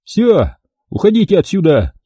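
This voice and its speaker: A nervous crooked photographer from an audiobook thriller, read by a man barks and hisses short orders. The voice runs high and lively, husky and very dark in tone, with a dry, close sound. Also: normal speed, dry recording, exaggerated voice. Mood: hissing. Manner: curt, hissing, commanding. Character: nervous, curt male photographer hitman broker.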